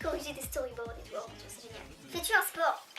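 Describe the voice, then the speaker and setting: A woman's voice: sits high, fast talker, over music. A teenage girl chatting casually to camera as a YouTuber answering viewer questions, her voice sped up into a chipmunk sound, upbeat with lots of fillers. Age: teens. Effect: sped-up playback, chipmunk voice.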